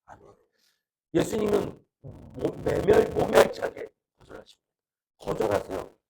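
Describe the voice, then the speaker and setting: A man's voice: high-pitched, lively intonation, measured pace, vocal fry, a little mellow. A middle-aged male pastor preaching a sermon, earnestly asking the congregation questions.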